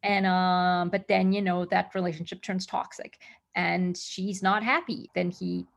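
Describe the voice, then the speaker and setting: Middle-aged actress guest from Zimbabwe and Australia; casual and chatty, slight fry. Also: female voice, lowish voice, steady tone, measured pace, dull audio. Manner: chatty, many restarts and fillers. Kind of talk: casual interview answers.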